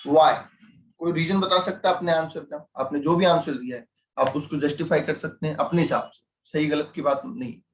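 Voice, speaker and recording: Indian male tutor, slightly high voice, quizzes students as he explains, echoey room. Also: steady tone, normal speed. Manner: explains with everyday role-play examples, asks students questions. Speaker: CMA teacher. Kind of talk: online class lecture.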